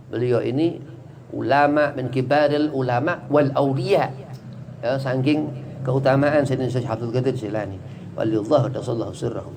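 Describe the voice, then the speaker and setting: A man's voice: medium pitch, darkish tone, slight background noise. A man teaching a religious study class, explaining in a chatty, digressive way with many small fillers.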